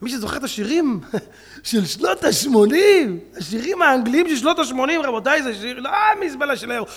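Brief: male preacher, very high voice, mocking, emphatic sermon delivery, long hall reverb. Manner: animated, mocking, emphatic, acts out jokes.

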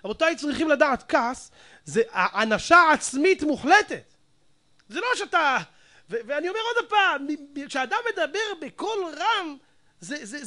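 A man delivering a lively sermon in a strikingly high, bright voice. He keeps up a stream of rhetorical questions and bursts into acted-out shouting to make his points. His delivery is animated throughout. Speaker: rabbi preacher. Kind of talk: Torah sermon.

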